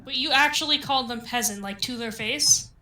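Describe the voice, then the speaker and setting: A woman's voice: high-pitched, fairly quick, sharp tone. A woman chatting casually as a player in a tabletop role-playing game.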